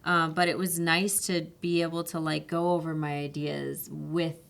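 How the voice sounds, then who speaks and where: A woman actress talking casually on a podcast, animated and full of "like" fillers. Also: deep voice, moderate pace, gravelly. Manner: animated, laughing storyteller with "like" fillers. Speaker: actress guest.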